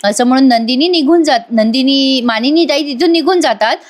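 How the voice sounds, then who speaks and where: A woman's voice: high voice, a little fast. A woman narrating a voice-over recap of a TV serial episode in a plain storytelling manner. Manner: plain storytelling with "आता" links.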